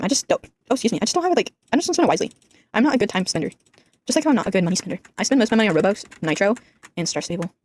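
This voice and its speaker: A teenage girl, a gaming YouTuber, rambling casually over her gameplay at home in a deliberately flat, monotone voice, filling her talk with "like.". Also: mid-range voice. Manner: rambling, flat monotone delivery, says "like" constantly.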